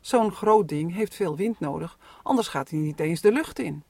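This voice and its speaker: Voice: mid-range voice, expressive, normal speed, vocal fry, a little mellow, breathy edge, no room sound. A storybook reader voicing a practical, doubtful father who speaks matter-of-factly. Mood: reasoning. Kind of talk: storybook reading.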